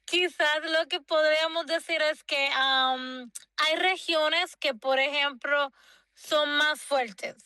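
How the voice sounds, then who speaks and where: A woman's voice: sits high, steady tone, measured pace, bright, forceful tone, dry recording. A woman with a Puerto Rican accent, a native Spanish speaker and teacher, chatting casually and switching between Spanish and English. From Puerto Rico. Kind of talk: casual bilingual conversation.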